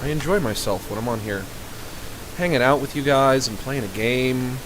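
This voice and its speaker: With music playing behind him, this streamer talks at a normal speed in a mid-range voice, rambling along and laughing at his own jokes. An expensive large-diaphragm studio condenser mic picks him up, adding a strong hiss to his sibilants.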